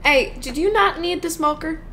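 A woman's voice: extremely high pitch, moderate pace, bright, forceful tone, slight background noise. A woman streaming a video game, chatting casually with a friend and joking around with silly wordplay. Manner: playful, giggly, silly wordplay. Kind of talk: casual gaming chat.

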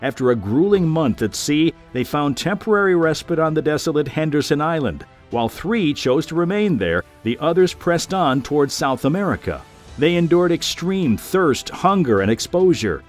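Animated male nature documentary narrator over music. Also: on the high side, moderate pace. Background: background music.

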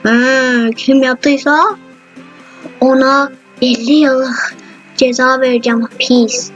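A woman's voice: sits high, steady tone, slow pace, a bit bright, muffled recording, faint music behind. A woman playing a stern male king who scolds his soldiers in a video game play-through. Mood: threatening.

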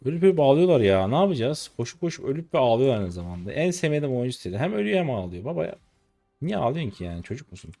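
A man's voice: mid-range voice, sing-song, very fast, gravelly, dark tone, faint music behind. A man in his twenties streaming a game live, ranting at his teammates in an irritated, cursing way. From Turkey. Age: 20s. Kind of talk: live gameplay commentary.

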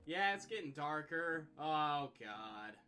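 Animated joking gameplay streamer. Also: mid-range voice, takes it slowly, faint music behind. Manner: animated, joking, swearing, reactive. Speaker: let's play streamer. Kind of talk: gameplay commentary.

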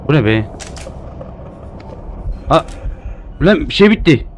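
A man's voice: fairly high pitch, sing-song, slow. A man doing live commentary while playing a horror game, jumpy and joking, cursing at the game. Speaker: streamer.

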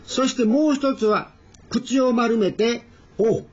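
Slow, husky male Korean teacher. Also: very high-pitched. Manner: slow, drawn-out demonstration of vowel sounds. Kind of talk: recorded language lesson. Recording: dull lo-fi recording.

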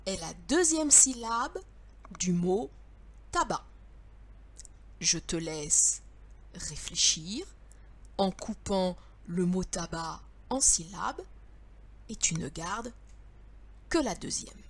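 A French woman teacher talks slowly and patiently, as if to small children. Her pitch moves a lot, rising and falling in a sing-song way, and she draws out syllables with care. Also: slightly rough. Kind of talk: slow, clear lesson for young children.

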